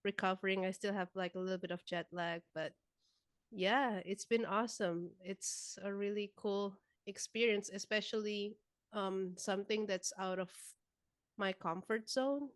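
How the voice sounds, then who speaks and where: A woman's voice: mid-range voice, fairly even intonation, a little slow, dry recording, clean studio sound. A young woman, a guest musician chatting casually in an interview, with many filler words. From Indonesia.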